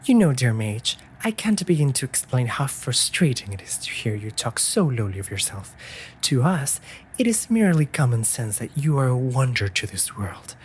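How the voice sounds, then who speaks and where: A woman uses a bass, darkish voice, very animated and at normal speed, to portray a sassy raven familiar who is exasperated but devoted. The raven theatrically scolds the listener in formal phrasing in a scripted fantasy audio drama, with a little hiss or hum audible.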